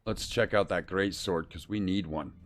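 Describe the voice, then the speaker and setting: Male game streamer with a lower-register voice, muttering casually through live play commentary and on-screen text. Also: normal speed. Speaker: streamer playing a role-playing game.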